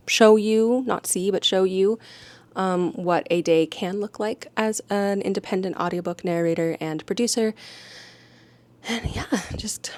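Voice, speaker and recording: A woman's voice: medium pitch, background noise. A young woman, an audiobook narrator, chatting in a casual, rambling, self-deprecating way at home. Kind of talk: casual vlog chat. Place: home living room.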